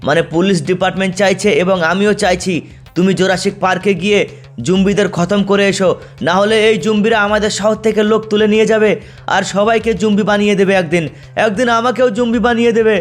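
A man's voice: sits high, steady tone, quick pace, faint music behind, close to an everyday voice. A man voicing a stern male police chief in a game video, scolding and urging his men. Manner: scolding, urgent.

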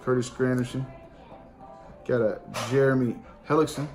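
Over music, a card collecting channel host speaks at normal speed and medium pitch, casually calling out baseball card names one by one in plain, slangy language. He's indoors in his dining room at home, giving card-opening commentary. A camera on the table in front records him, along with steady room noise.

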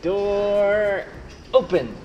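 A man's voice: high-pitched, steady tone, drawn-out words, dull audio. A man, vlogging playfully with his kids at a train station on a handheld camera. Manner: playful, cheering his children on. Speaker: family travel vlogger. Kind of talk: casual vlog talk with his kids. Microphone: handheld action camera held at arm's length. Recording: loud music bed under the voice. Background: loud background music.

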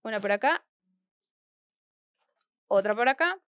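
Her voice is fairly high, a bit bright and animated, and she talks a little slowly. The young woman, who has a Mexican Spanish accent, is playing a game on stream in a small room at home, chatting casually and thinking aloud.

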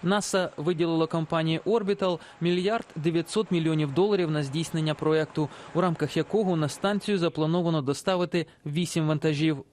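A man reading a scripted news report in a brisk, even way. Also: fairly high pitch, slight background noise. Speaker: correspondent.

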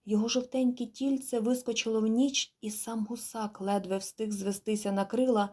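Breathy woman reading a story. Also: on the high side. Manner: measured, quiet, expressive storytelling. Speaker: audiobook reader. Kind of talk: scripted narration.

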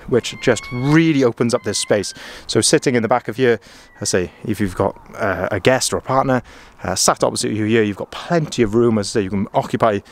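A man from Wales, a van sales manager, giving a chatty walkaround of a camper van inside the vehicle and out on the dealer's lot, often saying "as I say", with the phone camera in his own hand. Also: medium pitch. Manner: chatty, keeps repeating "as I say".

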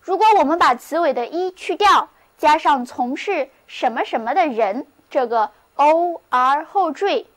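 A woman's voice: high-pitched, lively intonation, unhurried, few pauses. A woman teaching English vocabulary in a scripted lesson, spelling words letter by letter and reading example sentences aloud.

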